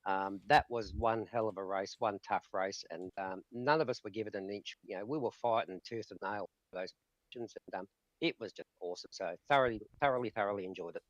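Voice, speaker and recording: A man's voice: fairly low pitch, brisk, dry recording. A man, a racing driver, talking effusively and colloquially in a post-race interview over a lo-fi link.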